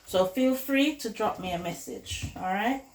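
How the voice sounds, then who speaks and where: With lively intonation and an unhurried pace, this woman's mid-range voice sounds hoarse and flu-worn as she hosts a casual cooking tutorial in her home kitchen. She chats away to viewers, calling them guys, over echo and loud clatter from pots, dishes and running water.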